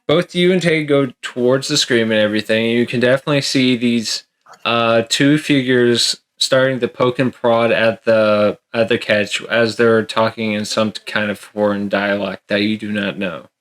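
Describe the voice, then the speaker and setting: A man's voice: mid-range voice, steady tone, moderate pace, a bit bright. A man running a tabletop game as game master, rambling with lots of fillers and frequent laughter.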